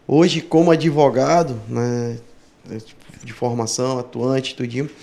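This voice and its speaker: A man's voice: medium pitch, fairly even intonation, unhurried, vocal fry, mellow. A man hosting a casual podcast interview, with a voice in the middle range. He talks in a friendly, chatty way and keeps tacking little questions onto the ends of his sentences. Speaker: podcast host.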